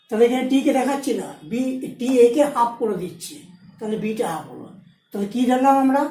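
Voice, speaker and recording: A woman teaching a shorthand class, explaining each rule slowly and repeating the key points. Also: on the high side, darkish tone, echoey room, poor audio. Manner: repeats key points, switches between Bengali and Hindi. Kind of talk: explaining rules step by step in a lesson.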